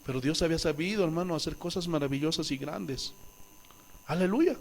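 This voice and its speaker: A male pastor from Bolivia preaching a sermon, impassioned and swinging from loud exclamations to quiet asides, acting out quoted voices. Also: fairly high pitch, fairly quick, vocal fry. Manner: acts out quoted voices with wailing and pleading tones.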